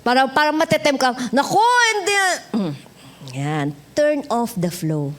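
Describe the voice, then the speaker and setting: Filipino woman pastor, high voice, chatty sermon with jokes for the congregation. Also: big pitch swings, measured pace. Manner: conversational, switching between Tagalog and English, joking with the congregation. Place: church sanctuary.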